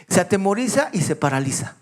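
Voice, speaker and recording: A man, his voice sitting a little high for a man. He tells his own stories in a confessional way, sinking to near whispers and then lifting his voice again. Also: very animated, fast talker. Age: 50s. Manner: personal confessional storytelling, shifting between hushed and raised voice. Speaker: pastor. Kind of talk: sermon.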